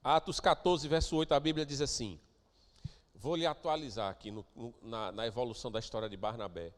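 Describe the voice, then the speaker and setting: A man preaching a sermon as pastor of a church, moving between quiet asides and loud, emphatic declarations. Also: medium pitch, brisk, long reverb tail. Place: church sanctuary.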